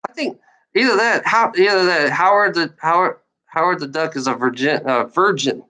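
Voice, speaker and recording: Here a woman speaks in a low, sharp voice at a moderate pace. As a stuttering streamer, she lays into the trolls in her chat, circling back over the same points, starting phrases over and cursing freely.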